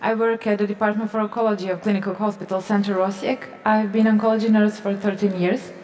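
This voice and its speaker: A young woman speaks as an oncology nurse on a panel. She is brisk and composed. Her headset mic picks up a roomy, echoing hall. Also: mid-range voice, little pitch movement, darkish tone. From Croatia. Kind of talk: panel discussion.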